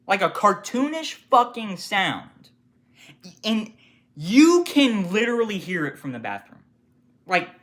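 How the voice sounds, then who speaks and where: A retail worker rants through a casual storytime, swearing freely. The voice has a bright, cutting edge at a middling pitch. It lurches from loud exclamations to low, muttered asides. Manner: profane, animated, swings from loud outbursts to muttered asides. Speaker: retail worker telling work stories.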